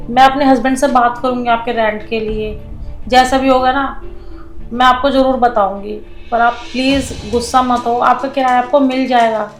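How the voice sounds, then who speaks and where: A woman's voice: fairly high pitch, reverberant, close to an everyday voice. An actress playing a young tenant who pleads and argues with her landlord over late rent. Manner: pleading, defensive, explanatory. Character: struggling young female tenant, pleading but firm. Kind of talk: low-budget comedy film acting.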